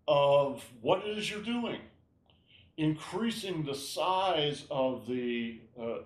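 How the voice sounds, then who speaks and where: A man teaching an online tai chi class, explaining gently and often checking in with "all right?". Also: fairly high pitch. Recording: roomy echo.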